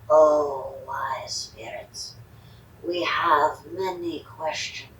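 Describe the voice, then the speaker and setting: A woman playing a grandiose fortune-teller medium in a Halloween audio drama, switching between hushed whispers and commanding cries. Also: sits low, full character voice. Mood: triumphant. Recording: echoey room, distant mic, faint noise.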